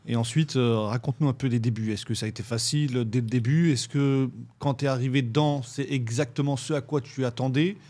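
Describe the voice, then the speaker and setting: A man hosting a podcast interview in a studio, asking relaxed, casual questions. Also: mid-range voice, fairly quick, hardly any pauses. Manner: lively sponsor read, then relaxed questions. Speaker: podcast host.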